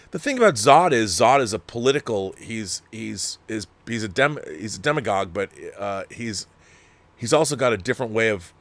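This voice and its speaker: A man hosts a casual film discussion show, his medium-pitched, slightly bright voice recorded dry with no room sound. He rambles through emphatic, opinionated commentary and reads viewer letters, often halting mid-sentence to rephrase.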